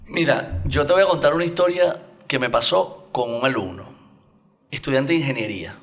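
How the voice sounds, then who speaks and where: A man's voice: medium pitch, animated, moderate pace. A man as an oratory coach, a guest explaining speaking technique in a didactic way with spoken examples. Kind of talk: explanatory interview talk.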